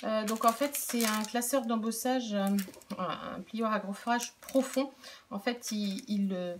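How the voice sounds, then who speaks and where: A woman's voice: a little high, a little slow. A middle-aged woman casually showing her craft purchases in a vlog, talking in a chatty, hesitant way with many fillers and restarts. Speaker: crafting vlogger and product demonstrator. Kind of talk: casual show-and-tell vlog. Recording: faint background noise and clicks.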